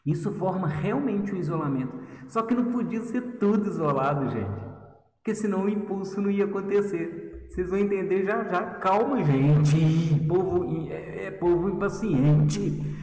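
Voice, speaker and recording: A man's voice: high-pitched, normal speed, darkish tone, recorded from a distance, slight background noise. A man teaching histology in a chatty, teasing way, talking straight to his students. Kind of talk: lively video lesson. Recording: echoey room, voice from off the mic.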